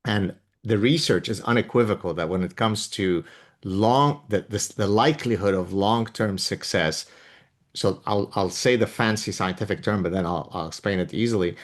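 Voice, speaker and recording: A man with a Levantine Arabic accent hosts a relaxed conversational interview. His voice sits on the low side, and he explains things like a professor. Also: moderate pace. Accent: Levantine Arabic, Lebanese. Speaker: podcast host and author.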